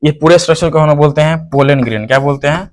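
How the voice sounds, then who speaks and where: A man's voice: on the high side, very fast, a little hiss or hum. A man teaching a biology lesson online, who asks his students questions and then answers them himself, repeating the key terms. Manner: calls the viewer "hero". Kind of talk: online lecture.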